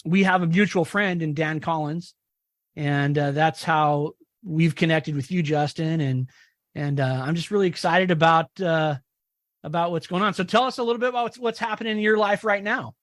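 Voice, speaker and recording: A man's voice: on the high side, moderate pace, a bit bright, no echo, studio quality. A man hosting a podcast, talking eagerly with many restarts and small laughs. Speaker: podcast host. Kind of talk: casual interview chat.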